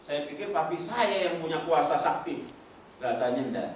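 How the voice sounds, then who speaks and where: An older man preaching a personal testimony, telling stories with animated asides to the congregation and acting out the voices of others. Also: fairly high pitch, moderate pace, noisy background. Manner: lively storytelling, acts out voices, congregation asides. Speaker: pastor. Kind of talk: sermon testimony. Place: church hall. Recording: echoey hall from far off.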